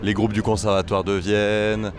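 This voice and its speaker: A young trombonist and bandleader talks casually in an interview, his lowish voice flat and at normal speed. He hesitates often, with many fillers and restarts, while music plays faintly behind.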